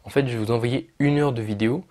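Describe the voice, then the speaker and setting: A man's voice: medium pitch, quick pace, dark tone. A young man explaining pronunciation steps in a casual video lesson, with frequent fillers and self-corrections. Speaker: English teacher for French speakers.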